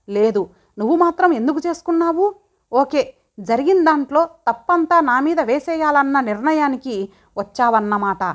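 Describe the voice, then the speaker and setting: A woman voicing a stern, proud woman who owns the house, speaking in a cutting, confrontational way. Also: high-pitched. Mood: heated arguing. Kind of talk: audiobook drama reading.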